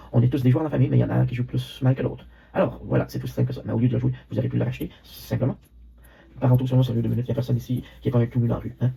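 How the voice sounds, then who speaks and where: A man races through several characters at once, each line rushed along. His voice is heavily gravelly, dark and raspy throughout. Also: medium pitch. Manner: rapid, rough-voiced, switching between roles. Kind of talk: dubbing several characters alone.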